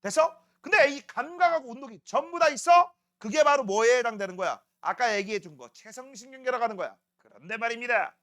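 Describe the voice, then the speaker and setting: A man's voice: very high-pitched, expressive, fairly quick, few pauses, fairly bright tone. A man teaching a middle school science class, joking and teasing students and constantly asking if they follow. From South Korea.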